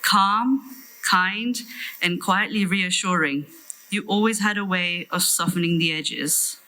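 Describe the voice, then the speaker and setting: A middle-aged British woman reading a prepared farewell speech in a tender, solemn, measured way. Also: lowish voice, sharp tone, rough recording. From London, England. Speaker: sister giving a farewell eulogy.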